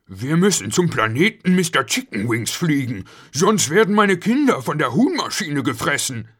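A man voicing a calm, reassuring father figure in a children's story. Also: on the high side, extremely slow, slightly rough, voice pushed up, full character voice. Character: kind calm father rescuer.

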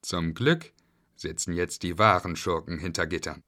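A man reading a children's story aloud in a slow, expressive way. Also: sits low. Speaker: narrator.

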